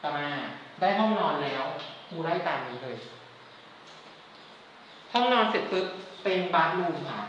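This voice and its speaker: A woman from Thailand teaching an English lesson, patiently explaining words and slowly spelling them out. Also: fairly low pitch, expressive, a bit bright, lo-fi sound, slight background noise. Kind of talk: classroom lesson. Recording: echoey room, mic at a distance.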